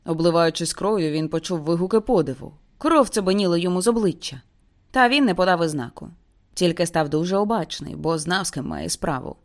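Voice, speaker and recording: A woman reading a novel aloud as an audiobook, with intense dramatic narration that slows for grim moments. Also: on the low side. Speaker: audiobook reader.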